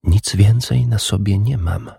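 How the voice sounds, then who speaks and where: A man voicing a sensual young woman in an audiobook, speaking softly and intimately with a raised voice. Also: on the low side, a little slow, creaky, husky, no room sound, studio quality, pitched above the performer's own voice, heavily acted. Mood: teasing. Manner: soft, intimate, teasing. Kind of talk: audiobook dialogue.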